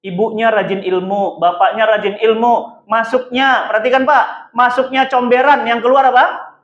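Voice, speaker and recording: A man preaching a lively sermon to a congregation, posing rhetorical questions and answering them himself. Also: very high voice, moderate pace. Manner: keeps addressing listeners as "Pak". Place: mosque hall. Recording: echoey, dull room sound.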